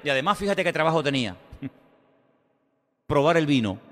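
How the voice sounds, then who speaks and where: A man preaching a sermon in a conversational storytelling manner, swinging between loud emphatic lines and quiet asides. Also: fairly high pitch, lively intonation, a little slow. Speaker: pastor. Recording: long hall reverb.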